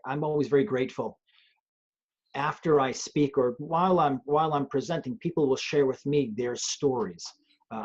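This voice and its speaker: Man, police trainer, raspy voice, dull lo-fi web call sound, earnest and reflective. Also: medium pitch, a little mellow. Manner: earnest, thoughtful, with frequent restarts. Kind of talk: conversational webcast talk. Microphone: video call.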